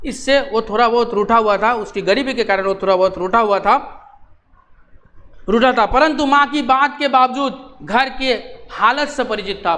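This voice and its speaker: Reading through a textbook story, this male teacher stops to explain words phrase by phrase, repeats lines, and laughs lightly and often. He has a high-sitting, fairly bright voice.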